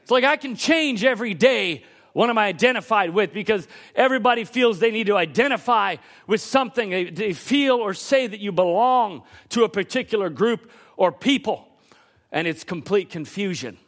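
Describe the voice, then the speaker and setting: A man preaching a sermon in a church service, emphatic, shifting between quick asides and bursts of raised voice. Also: sits high, animated, a bit bright. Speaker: pastor.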